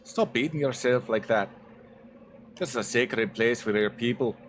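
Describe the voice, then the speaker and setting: A man's voice: mid-range voice, moderate pace, a little hiss or hum, lightly acted. Stern hero in a put-on Scottish accent, voiced by a man. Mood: scolding.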